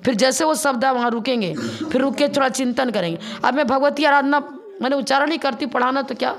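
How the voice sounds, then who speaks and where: A woman nun delivers a scriptural lesson in a high, gravelly voice. She explains the recitation step by step, sometimes slowing down to chant the verses. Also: crowd noise. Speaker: Jain nun teacher. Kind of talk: religious discourse.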